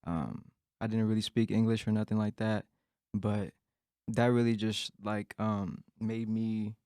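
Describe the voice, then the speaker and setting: A man's voice: on the low side, little pitch movement, a little slow, warm tone, clear, resonant tone, dry recording, clean studio sound. A man from the Philippines, a guest artist, talking in an easygoing way full of fillers. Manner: easygoing, many "you know" fillers. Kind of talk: casual conversation.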